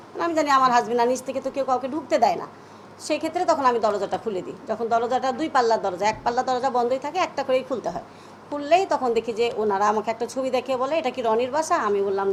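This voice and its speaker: A woman's voice: fairly high pitch, a little hiss or hum. A middle-aged woman with a Bangladeshi Bengali accent speaking at a press conference, first reading a statement, then recounting events emphatically. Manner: emphatic, agitated retelling.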